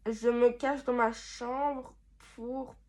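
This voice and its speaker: A young woman chatting casually in her bedroom, reading from her old notebooks with a rambling, self-mocking manner and sudden loud exclamations. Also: on the high side, steady tone, extremely slow. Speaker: vlogger.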